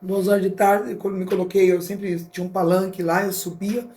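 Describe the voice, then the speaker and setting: Animated Brazilian woman telling her story. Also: medium pitch, fairly quick, echoey room, a little hiss or hum. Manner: animated, acts out dialogue in different voices. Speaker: guest, motivational speaker and author. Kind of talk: emotional personal storytelling.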